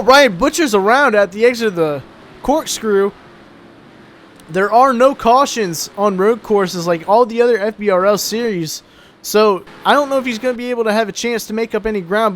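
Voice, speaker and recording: A man's voice: sits high, slight background noise. A young man giving casual, laid-back commentary on a sim truck race, sounding tired between calls.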